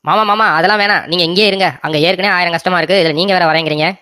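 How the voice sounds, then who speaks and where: A pushy young brother-in-law, put on by the same actor who plays the husband in a cartoon story, whining and wheedling at a hurried clip. He sounds dry and close, all greed and self-pity. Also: medium pitch, fairly even intonation, pushed and bright, smooth, no room sound, natural voice. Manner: wheedling and demanding.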